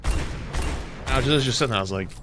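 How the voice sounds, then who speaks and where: A man's voice: medium pitch, racing, background noise. A man, a streamer, telling a story in a rambling, exasperated, sometimes profane way. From United States. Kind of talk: casual storytelling.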